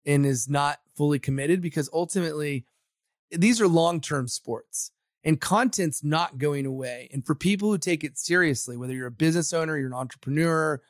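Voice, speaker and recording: A man's voice: fairly high pitch, normal speed, no echo, studio quality. A man from Samoa, a podcast guest and agency founder, speaking confidently and motivationally in a casual interview.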